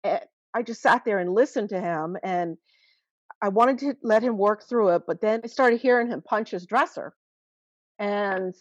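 A woman in her forties, a mother telling her son's story as an interview guest, earnest and halting with frequent restarts. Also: medium pitch, no echo, muffled recording. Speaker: guest, mother of a teen who vaped. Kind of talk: emotional personal account in interview.

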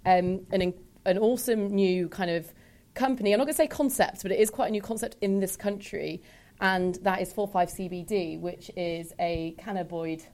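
A woman's voice: mid-range voice, brisk, a little mellow. A woman hosting a podcast, introducing guests in a chatty, upbeat way with fillers. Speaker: podcast host. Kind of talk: casual podcast interview.

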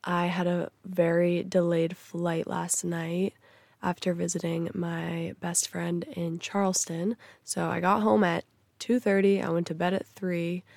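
Tired stuffy young woman chatting on her podcast, low-ish gravelly voice, dry close sound. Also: level tone, unhurried, a little mellow, dry recording. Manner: chatty, with many "like" and "so" fillers. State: tired and a little stuffy from a cold. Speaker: podcast host. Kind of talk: casual solo podcast talk.

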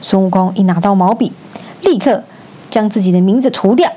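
A woman storyteller reading a children's classic aloud in an expressive, lively manner. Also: medium pitch, fairly quick, dull audio, slight background noise.

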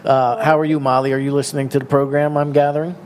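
A man hosting a radio show in a casual, jokey way, laughing often and filling pauses with uh and um. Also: medium pitch, level tone, darkish tone, slight background noise.

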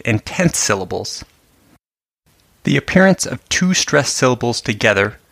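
A male host reads a sonnet aloud in a measured, careful way, then talks through its meter and imagery as literary commentary. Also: fairly low pitch, dry recording. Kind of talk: poetry reading and literary commentary.

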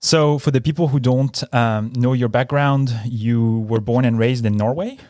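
A man's voice: mid-range voice, fairly even intonation, moderate pace, a little mellow, no room sound, clean studio sound. A man hosting a podcast, introducing and questioning a guest with a friendly, slightly hesitant manner. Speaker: podcast host. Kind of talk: podcast interview.

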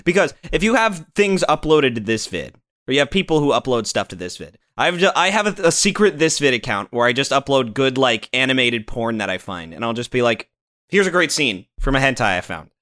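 A man's voice: medium pitch, lively intonation, a little fast, hardly any pauses, fairly bright tone, dry recording, clean studio sound. A young man in casual chat as a podcast co-host, with a slangy, joking, crude way of talking.

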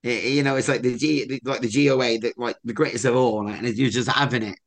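A young Englishman co-hosting a podcast, with a mid-range voice and a fast delivery. He tells stories in a chatty, lively, upbeat way, keeping it casual.

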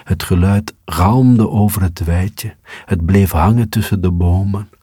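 A man narrates a storybook calmly, in a measured way. His voice is very low and mellow, with a husky grain. He reads slowly in a dry, close sound. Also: no echo. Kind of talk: storybook reading.

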